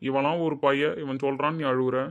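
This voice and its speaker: A man's voice: mid-range voice, steady tone, fairly quick, dull audio, close to an everyday voice. A man playing a stern, scolding older brother. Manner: scolding, commanding. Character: stern protective adult brother, short-tempered. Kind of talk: amateur audio drama.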